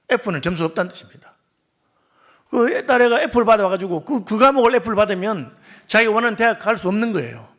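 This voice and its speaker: A male pastor preaching a sermon, telling a story and acting out the dialogue, often dropping to a soft, quiet voice for emphasis. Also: high-pitched.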